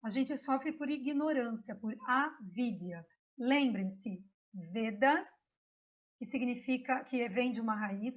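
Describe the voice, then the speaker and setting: A woman with a Brazilian Portuguese accent, a yoga teacher giving a chatty online lecture that leans on storytelling. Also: fairly high pitch. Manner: chatty, animated storytelling with frequent "né" asides. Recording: dull lo-fi recording.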